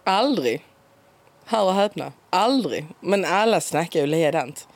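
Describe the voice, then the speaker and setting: A woman with a broad Scanian accent chatting in a relaxed interview, talkative and quick to laugh. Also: lowish voice, creaky. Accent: broad Scanian Swedish. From Skåne, southern Sweden. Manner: chatty, laughs often, lively. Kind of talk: casual conversational interview.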